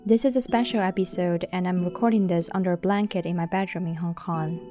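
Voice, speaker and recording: A woman's voice: on the low side, steady tone, a little fast, music in the background. A woman from Shanghai reading news narration as a podcast host, recorded muffled under a blanket in her bedroom. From Shanghai, China.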